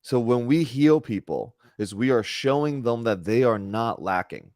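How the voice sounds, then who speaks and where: A man's voice: mid-range voice, expressive, measured pace, a little mellow, no echo. A man in his thirties leads a casual spiritual talk over a video call. He is earnest and chatty and restarts his sentences as he thinks aloud. His voice sits in the middle range and sounds dry and close to the mic. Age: 30s. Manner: earnest, chatty, with frequent self-corrections. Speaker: spiritual group host.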